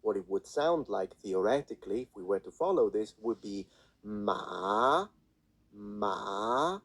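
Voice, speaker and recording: A man's voice: on the low side, expressive, a little fast, mellow, breathy edge, rough recording. A man teaching pronunciation in a played video, demonstrating sounds and confidently dismissing what he calls nonsense. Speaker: language teacher. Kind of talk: explanatory lesson in a played video.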